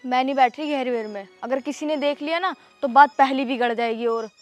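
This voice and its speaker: A woman's voice: high voice, brisk, faint music behind, lightly acted. An actress playing an anxious young village woman hiding a romance, with a pleading manner. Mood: worried.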